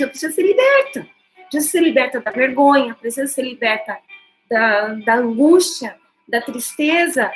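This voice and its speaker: High-voiced woman pastor preaching. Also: fairly bright tone, poor audio. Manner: conversational, emphatic preaching with rhetorical questions. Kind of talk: sermon.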